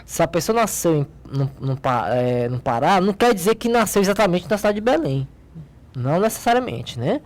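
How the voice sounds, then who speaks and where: A woman with a lowish voice teaches a logic class in a Brazilian accent. She walks through each exercise patiently, pointing at the page and asking her own questions before answering them. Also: sing-song, a little fast, a little mellow. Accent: Brazilian Portuguese. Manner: explains step by step, asks and answers own questions, frequent "né?" and "ó". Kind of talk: recorded logic lesson.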